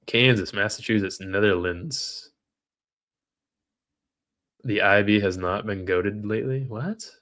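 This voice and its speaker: A man's voice: lowish voice, takes it slowly, long pauses, a bit bright. A man trading live on a stream, reading out viewer comments and venting when trades go against him. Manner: frustrated, talks to chat while reading comments. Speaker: livestream trader.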